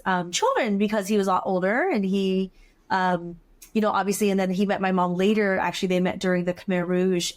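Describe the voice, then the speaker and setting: A woman from California, a podcast host, speaking in an affirming, thoughtful way, with frequent pauses on "um.". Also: lowish voice. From California, USA. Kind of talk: casual conversational interview.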